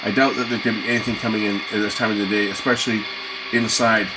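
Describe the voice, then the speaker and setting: Talking quickly in a lowish voice with little pitch movement, a product reviewer tries out a gadget's controls and muses aloud in a casual hands-on demo. The recording is noisy, full of radio static and ambience.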